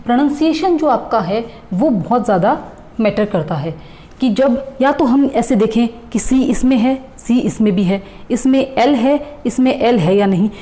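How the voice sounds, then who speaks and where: A woman's voice: fairly high pitch, mellow. A woman teaching a reasoning lesson, patiently explaining step by step and spelling out letters for her viewers.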